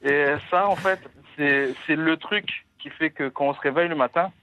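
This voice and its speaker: A man's voice: fairly high pitch, normal speed, dry recording. Earnest male caller over a landline phone. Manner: earnest, thinking aloud. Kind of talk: radio call-in comment. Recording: dull lo-fi phone line.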